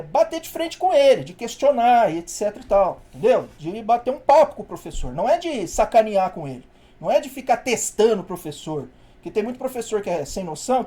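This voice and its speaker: A male university professor telling a classroom story in casual, slangy speech, acting out what people said. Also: very high-pitched. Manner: slangy, animated storytelling with acted-out quotes. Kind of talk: casual anecdote told in class.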